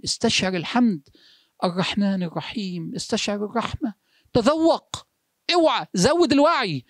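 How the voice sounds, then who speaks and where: An Egyptian-accented religious speaker with a high-sitting voice offers a motivational sermon. He rattles off rhetorical questions one after another and shifts from urgency to hushed, slow phrases for emphasis, in studio-quality audio free of echo.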